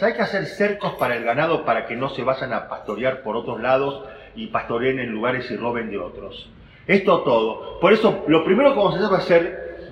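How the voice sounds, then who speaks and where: Animated Argentine man teaching in an echoey hall. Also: fairly high pitch, a little hiss or hum. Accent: Argentine Spanish. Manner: animated, conversational, drawn-out emphasis, sprinkles Hebrew terms. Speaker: rabbi teaching Torah. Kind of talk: Torah class lecture. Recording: echoey hall with faint ambience.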